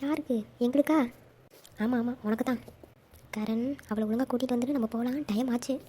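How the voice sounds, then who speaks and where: A woman telling an audio story, acting out lively dialogue among several characters. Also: a little high, fairly quick, a little hiss or hum. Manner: animated, switching between characters. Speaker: storyteller voicing all roles.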